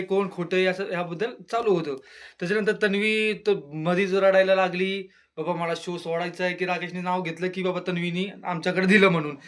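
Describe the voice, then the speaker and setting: Chatty high-voiced man reviewing a show. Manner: chatty, exclaims, mimics housemates in lowered voice. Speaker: YouTube reality-show reviewer. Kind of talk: casual solo review monologue.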